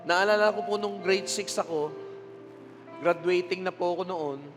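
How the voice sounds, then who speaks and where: An older Filipino man preaching a sermon as pastor, telling stories with animated delivery and frequent laughter. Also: sits high, moderate pace. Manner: animated storytelling, laughs often. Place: church sanctuary. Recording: long hall reverb with music behind.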